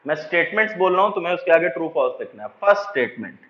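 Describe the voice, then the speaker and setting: A man with a high voice teaches chemistry in a lecture, speaking. He explains step by step, answers his own questions, and dictates slowly for notes. The sound is dull and lo-fi, in an echoey room. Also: sing-song. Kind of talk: classroom lecture.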